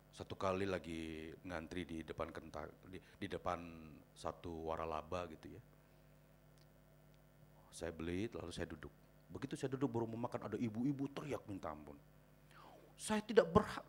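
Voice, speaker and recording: A middle-aged man preaching a sermon as pastor, chatty and storytelling, swinging from quiet asides to loud, high exhortation. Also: slight background noise. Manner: conversational, acts out quoted people in anecdotes.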